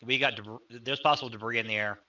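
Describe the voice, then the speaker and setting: A man's voice: medium pitch, fairly even intonation, fast, sharp tone. A man co-hosting live storm coverage, commenting on radar and giving urgent, clipped directions. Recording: dull, band-limited audio.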